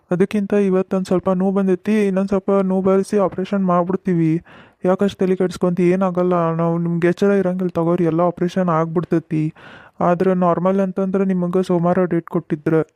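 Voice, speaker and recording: A man voicing a calm cartoon doctor, North Karnataka accent. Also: high voice, clear, resonant tone, no echo, natural voice. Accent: North Karnataka Kannada. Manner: patient, explaining, soothing. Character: calm, reassuring male hospital doctor. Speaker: voice actor. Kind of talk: cartoon comedy voice acting.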